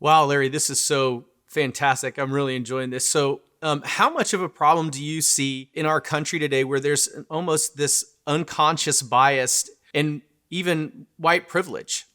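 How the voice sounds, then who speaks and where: A man's voice: fairly high pitch, steady tone, normal speed, few pauses, pushed and bright, clear, resonant tone. A man hosting an interview podcast, asking questions and encouraging his guest with enthusiasm. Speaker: podcast host.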